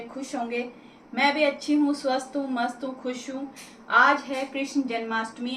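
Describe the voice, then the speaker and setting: A talkative woman, speaking straight to her viewers in a home vlog. Her voice sits a little high, and it bounces around an echoey room with a faint hum of ambience behind her. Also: fairly bright tone. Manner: chatty, addresses viewers directly. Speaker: vlogger. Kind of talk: casual home vlog chat.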